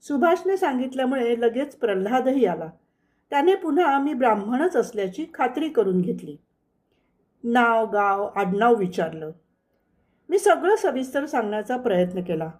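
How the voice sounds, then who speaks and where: A woman narrating a first-person memoir as a scripted audiobook reading, in a measured storytelling manner that touches quoted lines only lightly. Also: a little high, very animated, darkish tone.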